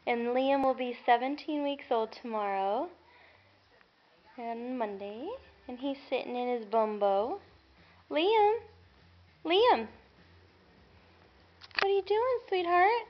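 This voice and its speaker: Woman, high sing-song baby talk, drawn-out delivery, heard through muffled old camcorder audio. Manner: sing-song, cooing, affectionate. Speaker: parent filming her baby. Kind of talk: home video baby talk. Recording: dull lo-fi camcorder sound.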